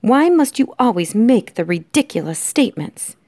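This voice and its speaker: A woman's voice: on the high side, big pitch swings, moderate pace, mellow, no echo, clean studio sound, voice pushed up. Lady doing a snooty mama mouse for a storybook, dramatic, kinda fed up. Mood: indignant. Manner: theatrical, disdainful, stilted phrasing. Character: haughty French mother mouse, blasé and indignant.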